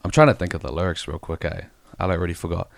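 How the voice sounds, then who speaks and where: Young man, New Zealand accent, deep and gravelly, relaxed slangy guest. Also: fast, dry recording, clean studio sound. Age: young adult. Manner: laid-back slangy talk, says bro a lot. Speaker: rapper guest. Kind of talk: casual interview chat.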